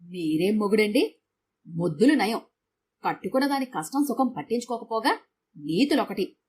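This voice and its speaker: A woman voicing a sharp-tongued middle-aged housewife who scolds curtly. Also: medium pitch, lively intonation, moderate pace, a little hiss or hum, close to an everyday voice. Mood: scolding. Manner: scolding, curt.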